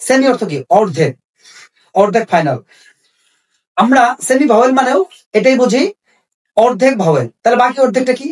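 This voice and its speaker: A man teaching an English lesson. He asks questions and then answers them, and spells out English phrases slowly. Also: high-pitched, a little mellow, distant mic.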